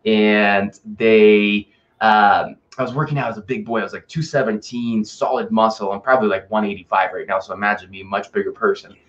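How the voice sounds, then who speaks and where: A man from Russia, a fitness and life coach, is a guest on an interview show, telling personal stories in a casual, emphatic way with frequent informal asides. His voice is fairly low with fairly even intonation, and he speaks a little fast, using buddy slang and rhetorical check-ins. The audio is dull, with a little hiss or hum.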